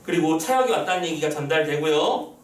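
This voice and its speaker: A male teacher giving an online lesson, quizzing his students with quick rhetorical questions and acting out lines from the text. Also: a little high, expressive. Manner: reads the text's lines aloud in acted voices. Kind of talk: online lecture. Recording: roomy echo, a little far from the mic.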